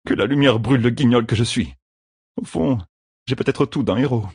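A man voicing a desperate, defiant young male gambler who shouts heatedly. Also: mid-range voice, normal speed, slightly rough, no echo, clean studio sound, voice pushed up.

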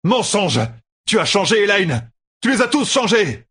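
A man voicing a desperate, furious young male hero, shouting in a high, strained voice. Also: big pitch swings, unhurried, slightly rough, full character voice.

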